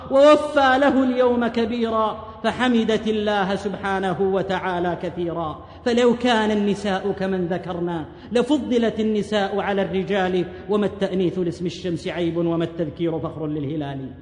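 A man's voice: high voice, steady tone, a little fast. A man preacher telling stories in an impassioned, oratorical sermon, with rhetorical flourishes and recited verse. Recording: echoey hall with long reverb.

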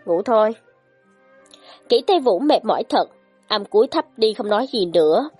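Breathy, expressive woman narrating a story. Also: medium pitch, brisk, no echo, soft background music. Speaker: audiobook narrator.

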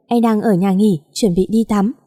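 A woman reading the lines of a teasing, blunt ex-lover in his thirties in an audio story, in a dark, mellow voice. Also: mid-range voice, fairly even intonation, moderate pace, no room sound, clean studio sound, close to an everyday voice. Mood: reproachful. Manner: read plainly in the narrator's own voice.

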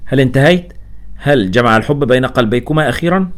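A man's voice: medium pitch, expressive, fast, voice pushed up, natural voice. A man voicing a sly female secretary who talks in a teasing, mischievous way.

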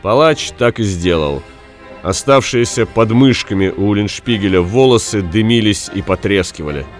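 A man reading a story aloud as narrator, in a measured way that drops at the ends of phrases. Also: on the low side, expressive, soft background music. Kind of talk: audiobook reading.

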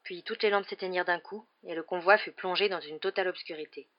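A woman narrating an audiobook in a steady, measured reading voice, in a dull lo-fi recording. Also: lowish voice. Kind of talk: scripted narration.

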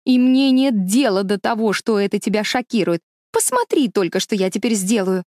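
A woman's voice: medium pitch, lively intonation, normal speed, darkish tone, no room sound, clean studio sound, lightly acted. A woman reading an audiobook, voicing a willful little girl who has decided to be naughty and snaps at her friend. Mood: defiant, snappy. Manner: bossy, snapping, wailing when stuck. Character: willful defiant little girl, turned rebellious. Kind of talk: audiobook character voice.

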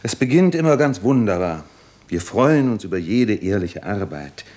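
An actor playing a weary, fearful, hesitant and resigned doctor in a German radio play. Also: male voice, on the low side, sing-song, moderate pace, a little mellow. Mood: bitter, uneasy. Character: weary, fearful male Russian doctor, Jura Schiwago.

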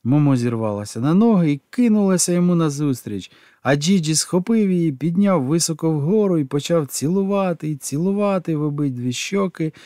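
A man narrates an audiobook with expressive, animated delivery. His pitch rises and falls in lively swings. The recording is dry and close. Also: brisk, no room sound.

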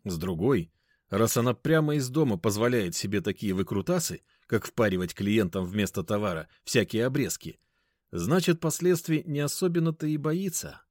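Low-voiced guy reading a story, bouncy intonation, dry close sound. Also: animated, moderate pace, darkish tone, no room sound. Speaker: narrator. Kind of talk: first-person audiobook narration.

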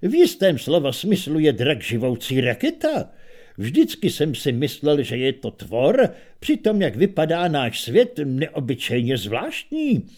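A curious inventor, voiced by a male reader, explains his ideas in a calm, conversational tone. He sounds self-assured and thoughtful, a storybook scholar. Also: on the high side.

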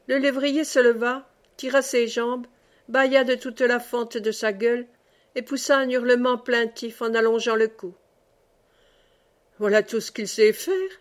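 A woman reads a classic novel aloud in measured storytelling. Her voice sits fairly high. The reading is steady and literary. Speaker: audiobook reader. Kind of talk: literary audiobook narration.

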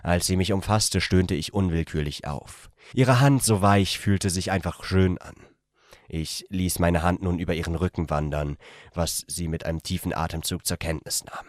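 A man reading a story aloud in a plain, unpolished way, breaking off for quick asides. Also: deep voice, no echo, studio quality.

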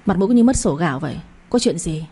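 A woman's voice: mid-range voice, normal speed, mellow, husky, natural voice. A woman voicing a blunt, bossy older neighbor in an audio story, speaking in a brusque, scolding way.

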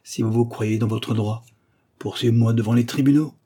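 A man doing a frightened young man, husky. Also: mid-range voice, steady tone, moderate pace, dark tone, lightly acted. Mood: defiant. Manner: protesting, pleading.

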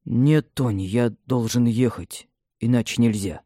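A man's voice: mid-range voice, moderate pace, mellow, no echo, studio quality, natural voice. A man voicing a stubborn young man who speaks sullenly and defiantly to his mother.

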